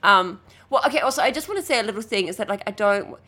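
A woman co-hosting a podcast in casual chat, teasing with a deadpan joking manner. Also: medium pitch, quick pace. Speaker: podcast co-host.

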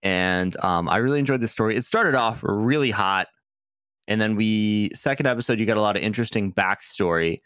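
A man's voice: lowish voice, brisk, a bit bright, clean tone, no room sound, studio quality. A man co-hosting a casual podcast, talking like a slangy, sweary fan. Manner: slangy, profane, filler-heavy fan talk. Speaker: podcast co-host.

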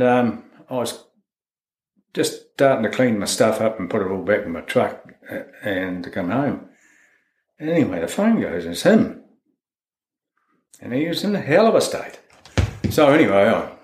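A man with a broad New Zealand accent talks informally and bluntly, recalling things as they come. His voice is low, and the room adds noticeable echo around it. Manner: plain-spoken, no-nonsense, mildly sweary. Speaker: interviewee, friend of the person discussed. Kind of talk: informal recollection in a sit-down interview. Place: indoors in a house. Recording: roomy, echoey home interview.

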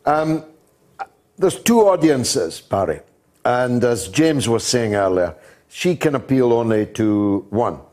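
A man's voice: mid-range voice, animated, slow pace, darkish tone. A man hosting a radio phone-in, blunt and emphatic, trading quips with callers. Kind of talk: opinionated talk radio.

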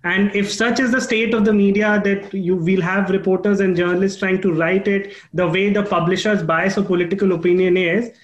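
A man's voice: high-pitched, fairly even intonation, brisk, hardly any pauses, lo-fi sound. A man with an Indian accent asking questions in a conversational interviewing style.

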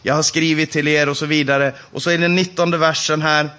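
Guy preaching a sermon, kinda higher voice, emphatic, repeats lines to drive it home. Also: flat delivery, pushed and bright. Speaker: Bible teacher.

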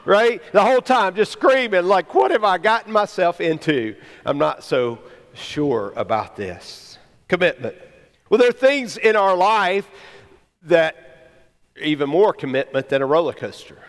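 A middle-aged man preaching a sermon, conversational and animated, full of rhetorical questions. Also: a little high, in a large hall. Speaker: pastor.

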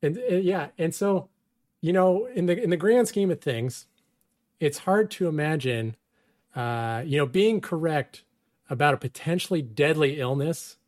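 A man's voice: on the high side, expressive, measured pace, darkish tone. A man in his thirties casually telling a personal story, wry and self-deprecating, laughing often. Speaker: storyteller guest.

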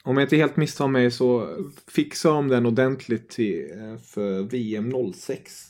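A man's voice: medium pitch, darkish tone. A man from Germany, a guest on a football podcast, talking casually and hesitantly with many fillers.

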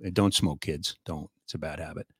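A man's voice: very deep voice, fairly even intonation, a little fast, fairly bright tone, husky, no echo. Chatty man hosting a radio show, dry sound. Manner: joking, chatty, loose with fillers. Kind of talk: casual radio chat and sponsor reads.

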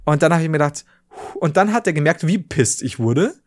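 Podcast host, male, slightly high-pitched, rambling animated storyteller who acts out every quote. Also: fairly quick. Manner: swears casually, rambling restarts. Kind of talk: casual storytelling chat.

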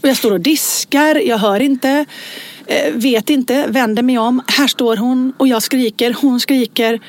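A woman in her forties telling anecdotes in casual chat, acting out voices as she tells them. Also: fairly high pitch. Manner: animated storyteller, acts out voices in anecdotes. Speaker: podcast co-host.

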